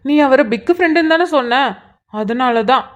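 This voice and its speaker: Cartoon role: a woman playing a soft-spoken aunt coaxing a child, high voice, dull lo-fi recording. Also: normal speed, natural voice. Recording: dull lo-fi sound.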